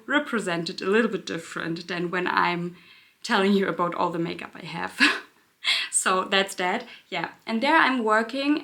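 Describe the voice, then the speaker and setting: Bright-voiced German woman chatting casually. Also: medium pitch. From Berlin, Germany. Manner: chatty, searches for words, laughs lightly. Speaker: beauty vlogger. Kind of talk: casual Q&A while doing makeup.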